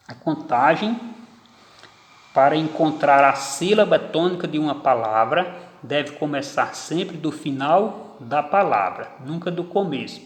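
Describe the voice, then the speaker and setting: Man, teacher, grammar lesson, slightly high voice, deliberate stressed example words, reverberant room. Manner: slow, deliberate, stresses each example word. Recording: echoey room with long reverb.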